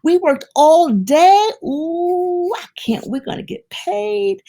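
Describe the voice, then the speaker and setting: Grumbling male laborers, put on by a woman, their voices pushed up high into shrill, stammering exclamations of outrage. Underneath the strain there is a gravelly, darkish grain to the voice. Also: very animated, extremely slow, dark tone, heavily acted. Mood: eager. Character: indignant male day laborers, grumbling, shocked.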